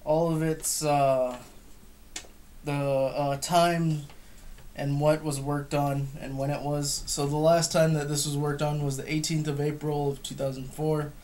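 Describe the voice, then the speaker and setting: Hesitant and matter-of-fact, a young man reviews gear unscripted in a room at home while a camera across the table records him. His voice is a little high with a darkish tone, delivered flatly and unhurriedly. The recording is clearly noisy and has clicks.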